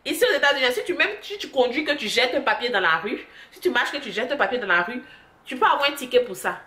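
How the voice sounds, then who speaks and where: A young woman chats to her camera, telling stories with lively, animated asides. Her voice sits fairly high. The recording has a noticeable room echo. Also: fast. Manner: chatty storytelling, animated asides. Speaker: vlogger. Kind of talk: casual chat to camera. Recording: echoey room.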